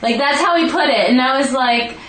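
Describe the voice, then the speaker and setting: A woman's voice: sits high, brisk, a bit bright. Young woman, casual storyteller, rambling and profane, recorded in a roomy space. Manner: rambling, swears freely, lots of "like". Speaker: friend in conversation. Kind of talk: casual chat. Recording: roomy with faint background noise.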